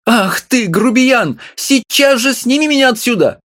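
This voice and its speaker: Shrill furious little wife. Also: male voice, lively intonation, measured pace, a bit bright, heavily acted. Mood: squealing. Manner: shrill scolding, squeaking.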